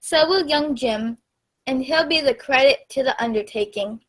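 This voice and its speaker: A woman playing a frank gentleman doctor in a radio play, speaking in a measured, deliberate way. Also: sits high, rough recording.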